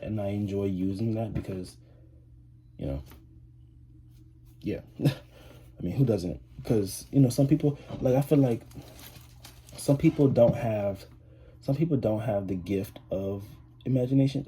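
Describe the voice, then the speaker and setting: An 18-year-old high school student vlogs casually to camera, rambling with lots of fillers and restarts. His voice is fairly low and dark-toned, with a little hiss or hum in the recording.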